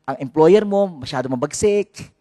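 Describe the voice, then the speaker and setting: A Filipino priest delivers a sermon with a high, swinging voice that jumps all over its range. He shifts between Tagalog and English and keeps drawing in the congregation. The sound is close and dry. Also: moderate pace, no room sound. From Philippines. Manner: lively, mixes Tagalog and English, calls out to the congregation.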